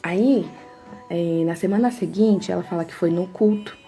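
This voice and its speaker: A woman's voice: fairly low pitch, moderate pace, dark tone, soft background music. A woman hosting a casual devotional talk, chatty and full of storytelling asides. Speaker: devotional host.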